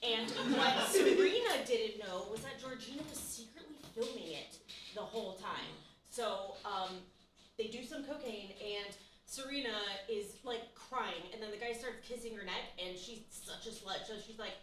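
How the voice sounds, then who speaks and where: A woman's voice: on the high side, normal speed, slight background noise. A woman doing a live improv scene, recapping a teen drama in a gossipy, breathless way and acting out the characters' quotes. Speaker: improv performer. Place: small theater stage. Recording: echoey room, mic from a distance.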